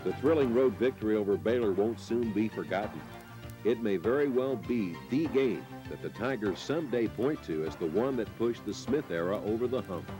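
An American man reading scripted sports highlight narration in measured, dramatic phrases with pauses. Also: lively intonation, over music, low-quality recording.

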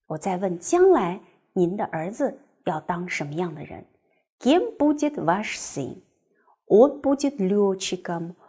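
A woman teaching a language class, explaining step by step and reading example sentences slowly and clearly. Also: medium pitch, a little mellow. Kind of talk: recorded classroom lecture.

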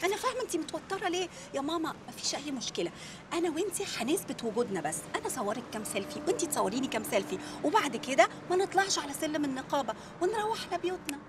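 An actress playing a lively, cheeky journalist wife, speaking with an Egyptian Arabic accent in a quick, chatty, teasing way. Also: female voice, sits high, background noise. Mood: soothing. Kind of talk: Egyptian TV sitcom acting.

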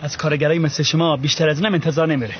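Pompous handyman played by a man, proud and touchy, slightly high voice, muffled film sound with clear background noise. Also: fairly even intonation, close to an everyday voice. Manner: pompous, ceremonious formal speech. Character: self-important male handyman, touchy and proud. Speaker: building handyman.

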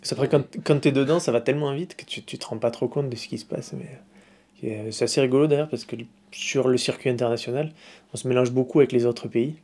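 A man in his thirties talks in a measured, thoughtful way with some pauses. It sounds like a relaxed indoor interview. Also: medium pitch. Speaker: fencer. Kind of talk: casual interview.

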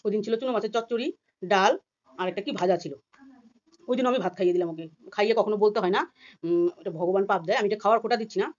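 A woman from India ranting fast and agitatedly in a personal vlog, often acting out other people's words. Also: medium pitch, darkish tone, dull audio. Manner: rapid and agitated, acting out quoted voices. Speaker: vlogger. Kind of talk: heated personal vlog rant.

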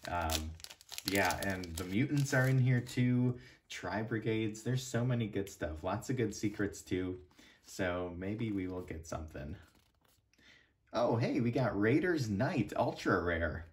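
A young man with a slightly low voice talks informally to his viewers. He comes across as a laid-back channel host giving easygoing commentary on what he is opening. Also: slight background noise. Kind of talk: casual unboxing commentary.

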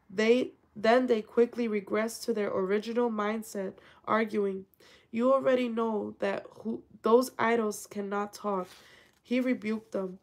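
A woman's voice: medium pitch, darkish tone, poor audio. A woman reading a scripture translation aloud, calling out verse numbers and stumbling over words, then correcting herself as she goes. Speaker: scripture reader.

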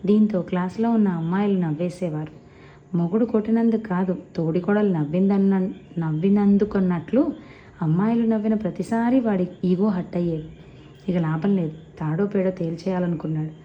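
A woman narrating a humorous story in a lively, expressive reading, on a slightly dull recording with faint hiss. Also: medium pitch.

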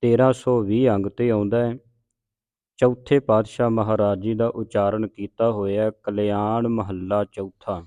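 A man with a Punjabi accent teaching the correct pronunciation of sacred verses, speaking slowly and repeating each word with deliberate care. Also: on the low side, flat delivery, warm tone, clean tone, dry recording. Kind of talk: slow recitation lesson.

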